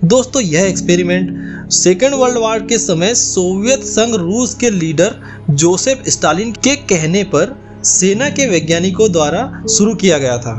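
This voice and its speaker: Lively high-voiced man narrating. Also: a little slow, music in the background. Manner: storytelling tone, addresses viewers as friends. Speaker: YouTube channel host. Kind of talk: scripted explainer narration.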